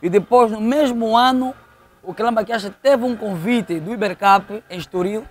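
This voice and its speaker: A middle-aged man with a high voice and an Angolan accent speaks at normal speed as an interview guest. He is a local football official who tells stories in a conversational manner, repeating phrases to emphasize them.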